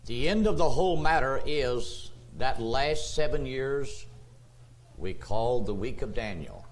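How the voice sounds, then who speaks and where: A man preaching a sermon as pastor, slow and deliberate, drawing out words for emphasis. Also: mid-range voice, lively intonation, low-quality recording. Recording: church sermon tape.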